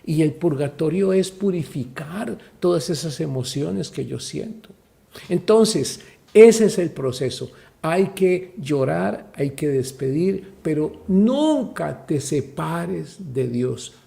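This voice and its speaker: Gravelly man preaching emphatically. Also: on the high side, animated, slow pace, mellow. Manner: emphatic, addresses listeners as brother. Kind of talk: preaching-style talk.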